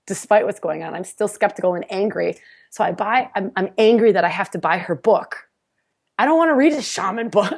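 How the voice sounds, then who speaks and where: Speaking at medium pitch, a female podcast guest recounts something from her own life in a relaxed, lively manner, frequently breaking into laughter and starting sentences over.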